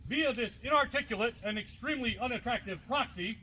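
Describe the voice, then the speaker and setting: A man's voice: extremely high pitch, a little fast, sharp tone, a little hiss or hum, low-quality recording. A man reading out a flowery formal ceremonial speech in a pompous, theatrical, grandiloquent manner. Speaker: proxy reading a letter.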